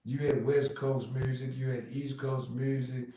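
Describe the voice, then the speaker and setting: A podcast host from Nashville, Tennessee, talks casually in a monologue with a Southern accent, laid-back and peppering his lines with "man" and "you know what I mean." His voice is medium-pitched, level, a bit slow and mellow. He's off-mic in a very echoey room.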